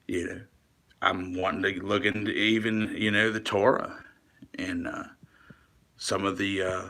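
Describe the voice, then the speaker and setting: The same kind of earnest confession comes from a man speaking low, tense and forceful, his tone level and his pace a little slow. Addressing the camera directly in a long, rambling monologue, he fumbles words, restarts sentences and drops casual swear words.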